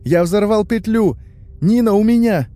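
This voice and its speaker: A terrified young man shouts in a trembling voice that keeps breaking into sobs, as a male reader acts him out. He sits very high in pitch with a dark, mellow tone. Faint music plays beneath. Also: unhurried, dry recording. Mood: panicked. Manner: shouting through tears. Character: frightened young man, sobbing, defiant.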